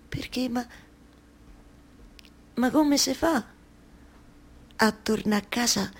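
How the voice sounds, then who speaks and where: A woman playing Penelope, a weary, anxious wife yearning for her husband, in a theatrical radio monologue with halting, repeated phrases. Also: mid-range voice, darkish tone, husky, exaggerated voice. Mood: wistful, fearful. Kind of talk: theatrical radio monologue over live music. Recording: live guitar music behind the voice. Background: plucked guitar music.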